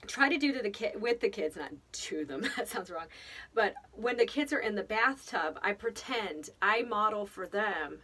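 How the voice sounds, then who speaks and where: A woman's voice: medium pitch, lively intonation, normal speed, pushed and bright, far from the mic. A woman giving casual, rambling parenting advice, thinking aloud and laughing often. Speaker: speaker on children's faith formation.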